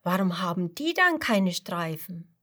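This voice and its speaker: A woman voicing a curious, excited little tiger cub with high, eager, drawn-out exclamations. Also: exaggerated voice.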